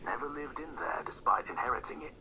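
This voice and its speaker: A superstitious old cab driver, talking in a hushed, gravelly murmur pitched far down, as a woman puts him on. Recorded with a steady hiss of noise behind the voice. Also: fairly quick, heavily acted. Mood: ominous. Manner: low hushed whisper, ominous warnings. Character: gruff older male taxi driver, wary.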